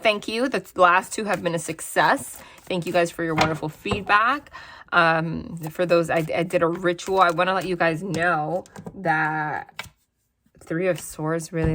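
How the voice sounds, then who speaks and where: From a desk at her parents' house, a New Jersey tarot reader chats to her viewers in a casual, frank, rambling way, full of blunt asides. Her voice is slightly raspy with natural vocal fry, fairly low yet bright and forceful, with slight background noise.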